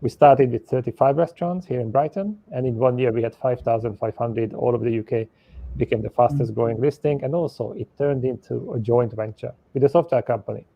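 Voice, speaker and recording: A man's voice: mid-range voice, brisk, creaky, no room sound. Matter-of-fact male guest, dry dull sound. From Hungary. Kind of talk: conversational storytelling. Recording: dry, lo-fi audio.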